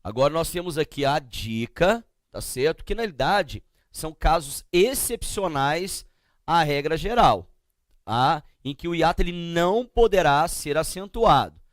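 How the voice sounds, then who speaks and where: Brazilian guy teaching grammar, kinda high voice, dry close sound, keeps asking "tá certo?". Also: animated, no echo. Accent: Brazilian Portuguese. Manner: slow, drawn-out explanations with frequent checking questions. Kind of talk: classroom grammar lesson.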